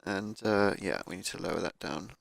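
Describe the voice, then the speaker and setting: A man with a croaky voice from a cold, casually talking through car tuning as he plays a game on a cheap microphone. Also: sits low, normal speed, no room sound, studio quality. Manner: thinking aloud, laid-back, with fillers. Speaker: gaming YouTuber. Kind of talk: casual gameplay commentary.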